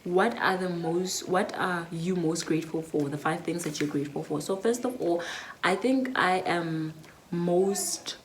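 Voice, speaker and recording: Speaking at a measured pace in a lowish voice, with slight hiss or hum behind her, a South African woman of nineteen answers questions in a casual vlog. The YouTuber is reflective and uses many fillers.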